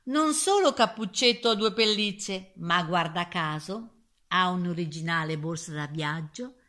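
A woman's voice: on the low side, unhurried, fairly bright tone. A woman reading a rhyming fairy tale aloud, playful and theatrical. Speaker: storyteller.

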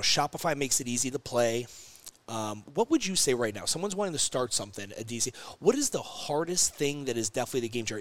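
A man hosting a casual podcast chat, blunt and profane, firing off one question after another. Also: mid-range voice. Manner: blunt, swears freely, fires off questions. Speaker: podcast host.

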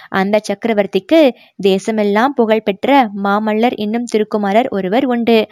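A woman's voice: mid-range voice, a little mellow, no room sound, studio quality, natural voice. A woman voicing a shy, emotional young maiden in an audiobook reading, coy and pleading.

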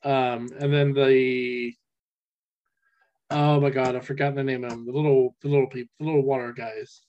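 Heard over a speakerphone with a dull, lo-fi quality, this person talks casually during a game and frequently leaves sentences unfinished. The voice is mid-range and a little mellow, with little pitch movement and a normal pace.

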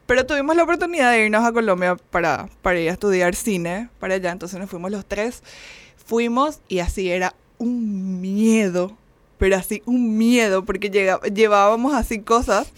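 A woman's voice: medium pitch, normal speed, dry recording. A young woman guest in casual chat, telling rambling anecdotes full of fillers.

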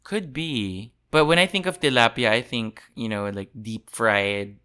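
Guy hosting a podcast, bright sharp voice, playful, laughs a lot. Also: medium pitch, unhurried, clear, resonant tone. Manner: playful, laughs often, reads recipe blurbs aloud. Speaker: podcast host. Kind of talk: casual chat.

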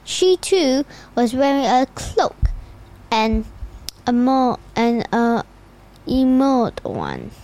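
A woman reads a storybook aloud in a stumbling, halting way, restarting words as she goes. Her voice is high and lively in pitch. She takes her time, reading at a slow pace.

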